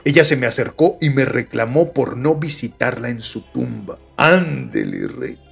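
With a Mexican Spanish accent, a male podcast host reads listener stories aloud and tosses in chatty, joking asides between the passages. His voice is medium-pitched with vocal fry at a moderate pace, and faint music plays behind him.

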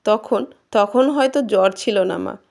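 Woman reading as a gentle, grieving old farmer. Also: medium pitch, unhurried, vocal fry. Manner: soft, pleading and tender.

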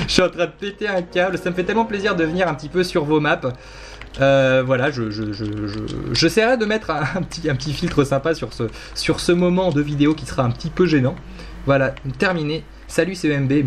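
A man's voice: a little high, a little fast, a little hiss or hum. A young man casually commenting on his Minecraft gameplay, rambling playfully, teasing and mocking himself. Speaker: gaming YouTuber.

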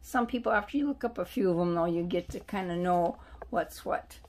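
Speaking briskly in a lowish, darkish voice, a woman walks viewers through her soap haul from home. There's a little hiss or hum behind her as she reads labels and muses aloud.

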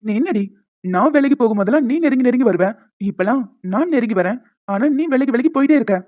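A woman's voice: a little high, expressive, fast, dull audio, lightly acted. A woman voicing a teasing young fiancé in a cartoon. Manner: playful, coaxing, reassuring. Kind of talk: animated cartoon dialogue.

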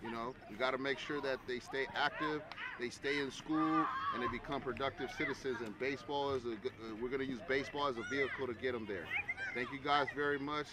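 A man's voice: mid-range voice, fairly even intonation, fast, very noisy. A man, a baseball coach, giving an earnest and encouraging on-camera interview outdoors at a baseball field. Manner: earnest, encouraging, lots of "you know". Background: music.

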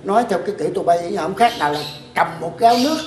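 A man in his sixties with a southern Vietnamese accent, acting a chiding but conciliatory father in a comedy skit, halting and repeating words. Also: high-pitched, expressive, darkish tone, slight background noise. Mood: exasperated. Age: 60s. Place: tiled living room. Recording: echoey room, background crowd sounds.

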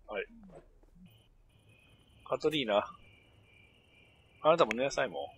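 A man's voice: medium pitch, lively intonation, slow, gravelly, husky, no room sound. A middle-aged man, muttering and grumbling his way through casual game commentary with sudden outbursts. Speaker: gameplay commentator.

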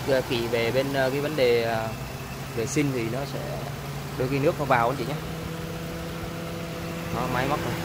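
A man giving an informal, halting sales walkaround of a used car, often repeating himself. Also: mid-range voice. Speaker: used-car seller presenting a car. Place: outdoors on a street beside a car. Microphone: handheld camera, speaker behind it. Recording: outdoor ambient noise.

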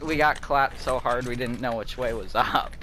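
A man chatting in a relaxed, giggly way with friends during an online game. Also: mid-range voice, normal speed, a little hiss or hum. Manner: laid-back, giggly, drawling. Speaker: gamer. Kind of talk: casual gaming chat with friends.

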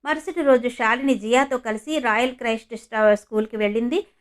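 Female storyteller, scripted narration, slightly high voice, steady delivery. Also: fairly quick.

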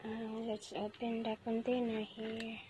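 A woman's voice: on the high side, completely flat delivery, a little slow, heavy background noise. A woman with a Filipino accent, chatting casually to viewers while cooking in her home kitchen, filmed on a handheld phone. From Philippines. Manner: chatty, addresses viewers as guys, frequent wow and yummy. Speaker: cooking vlogger. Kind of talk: casual cooking vlog narration. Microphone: handheld phone camera.

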